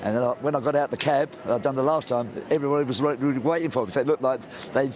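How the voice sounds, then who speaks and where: An excited man with a voice going hoarse, speaking emphatically and stumbling over words in a live interview. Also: mid-range voice, rapid-fire. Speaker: town crier, interviewee. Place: outdoors on a busy city street among a crowd.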